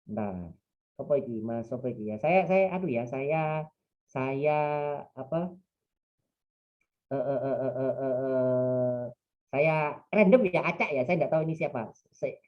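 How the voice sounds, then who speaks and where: A man's voice: a little high, normal speed. A man in his thirties with an East Javanese accent, giving a chatty, digressive religious talk in a webinar. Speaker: preacher. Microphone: online call mic. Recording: dull lo-fi webinar audio.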